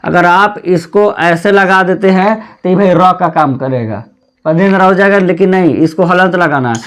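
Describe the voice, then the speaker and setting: A man's voice: sits high, normal speed, a bit bright. A man teaching a Hindi grammar lesson at a board, repeating key points and asking and answering his own questions. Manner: addresses viewers as "bhai" (brother). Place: classroom with a board.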